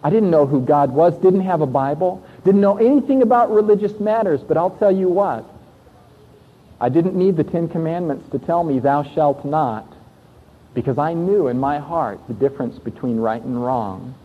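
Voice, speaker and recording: Husky man preaching in an echoing hall. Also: fairly high pitch. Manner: earnest, reflective storytelling with emphatic pauses. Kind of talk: personal testimony sermon. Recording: tinny, lo-fi recording in a long-echoing hall.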